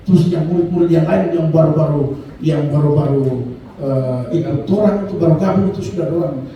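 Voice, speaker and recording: A man's voice: a little high, moderate pace, lo-fi sound, a little hiss or hum. A male pastor preaching a sermon in a church hall, breaking his lines with calls of amen and hallelujah. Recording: echoey church hall, from far off.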